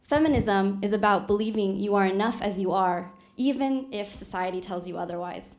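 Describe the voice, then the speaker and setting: A woman's voice: mid-range voice, moderate pace, darkish tone. A woman gives a short stage talk in an earnest, persuasive way. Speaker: speaker.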